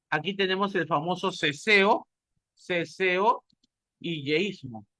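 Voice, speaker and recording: A man from Peru teaches a class in Peruvian Spanish-accented speech, raising questions and answering them on his own. His voice is on the high side, pushed and bright, and there's no echo.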